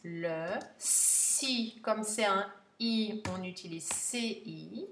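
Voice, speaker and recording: A woman teacher giving a slow spelling dictation, stretching each word and spelling it out letter by letter. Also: mid-range voice, a bit bright, slight background noise. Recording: echoey room.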